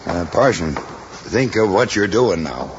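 An American actor playing a wary, gruff middle-aged rancher in an old-time radio western, with a terse, commanding manner. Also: male voice, low-pitched, very animated, slow pace, heavily acted. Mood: grim, determined. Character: wary, gruff rancher and father holding captives. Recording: muffled, noisy old radio recording.

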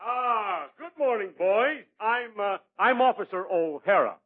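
Animated 1930s beat cop, high-pitched. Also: male voice, measured pace, breathy edge, exaggerated voice. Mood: amiable, slow-witted. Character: jovial, dim-witted 1930s beat cop. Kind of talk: old-time radio comedy acting. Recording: tinny, band-limited old radio recording.

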